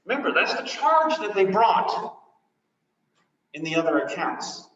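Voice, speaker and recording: A priest preaching a sermon in a lively way, acting out the speakers he quotes, recorded from far off in a large church. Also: high-pitched, unhurried. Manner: animated, acts out the speakers he quotes. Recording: distant, echoey, dull church recording.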